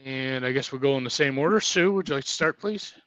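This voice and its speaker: A man's voice: medium pitch, fast, fairly bright tone, a little hiss or hum, rough recording. A man chairing a school board meeting, briefly calling on each member. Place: school library meeting room.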